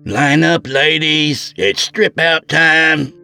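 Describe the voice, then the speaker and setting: A man's voice: mid-range voice, lively intonation, normal speed, faint music behind, voice pushed up, lightly acted. A man voicing a stiff, militant female jail deputy who talks with open contempt. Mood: barking. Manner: barking, contemptuous.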